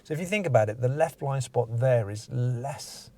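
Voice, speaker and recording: A man's voice: mid-range voice, expressive, normal speed, dark tone. A man, a driving instructor giving feedback after a mock test, explaining step by step and asking leading questions.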